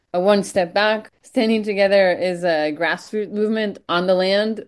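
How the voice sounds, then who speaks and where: A woman born and raised in Israel, an event organizer, gives earnest, casual interview answers full of fillers. Her voice is medium-pitched with a darkish tone.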